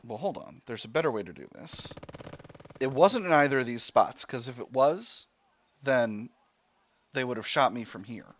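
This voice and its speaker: A man commentates on his own video game session. His voice sits at an average pitch. He works through decisions out loud, step by step, with mild exclamations. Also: expressive, normal speed, slight background noise. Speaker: let's play host.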